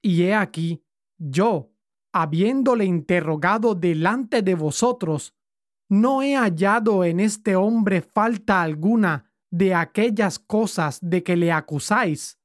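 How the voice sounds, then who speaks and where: A woman reading the lines of a stern male Roman governor in a measured, formal way. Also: fairly low pitch, no room sound, studio quality.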